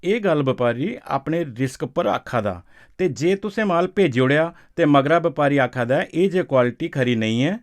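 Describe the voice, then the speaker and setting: A slightly high-voiced man with a Dogri accent and lively intonation, close to his everyday voice, explains a farm law to farmers at a moderate pace for an educational film. He's didactic but conversational, checking in often with short questions to make sure they follow.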